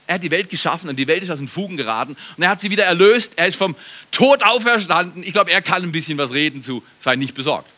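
A middle-aged man preaching a sermon to a congregation, animated, swinging between loud appeals and hushed passages, often asking the listeners questions. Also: a little high. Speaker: pastor. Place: church service before a live congregation.

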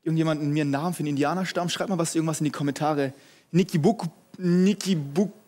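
A male preacher giving an energetic, humorous sermon, addressing the audience directly. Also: on the high side, racing.

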